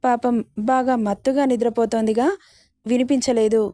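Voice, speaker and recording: A woman reading a romantic story as its narrator, in a steady, measured way. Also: a little high, no room sound, studio quality.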